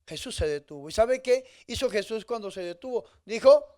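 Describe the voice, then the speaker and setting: High-voiced priest preaching. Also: male voice, lively intonation, moderate pace. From Colombia. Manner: emphatic preaching with big swings between loud and soft. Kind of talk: sermon.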